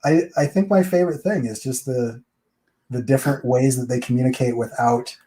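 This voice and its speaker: Man hosting an indie comic review, easygoing, rambling, mid-pitched. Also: a little fast, background noise. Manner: rambling, chatty, summarizing a comic page by page. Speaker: comic book review host. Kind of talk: casual chat.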